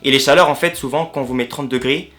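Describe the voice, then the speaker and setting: Fast-talking French man, slangy vlog chat. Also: medium pitch, pushed and bright. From France. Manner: slangy, repeats and rephrases himself. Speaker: vlogger. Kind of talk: casual storytelling vlog. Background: faint guitar music.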